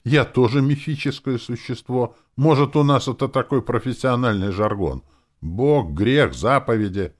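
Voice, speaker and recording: A man voicing a snarky, sharp-tongued young female demon in an audiobook, grumbling and sarcastic. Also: mid-range voice, normal speed, pitched above the performer's own voice, lightly acted. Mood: indignant. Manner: sarcastic, grumpy, shrieks when upset. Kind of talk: audiobook character voice.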